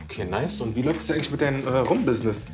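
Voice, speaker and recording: An actor playing a fast-talking young barber. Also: male voice, medium pitch, lively intonation, natural voice. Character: excitable young barbershop owner, the son. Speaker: barbershop owner. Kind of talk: sitcom acting. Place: barbershop set. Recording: roomy set with loud music.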